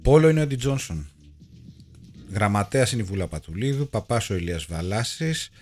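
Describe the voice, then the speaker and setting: A man co-hosting a live podcast, naming cast choices in a low-key, matter-of-fact way. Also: expressive, a little mellow, faint music behind. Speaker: podcast co-host. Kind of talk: casual chat.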